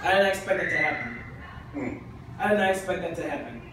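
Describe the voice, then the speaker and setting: A man's voice: fairly high pitch, lively intonation, normal speed, background noise. A man preaching a sermon, exhorting his listeners with insistent repetition. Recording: very echoey church hall from far off.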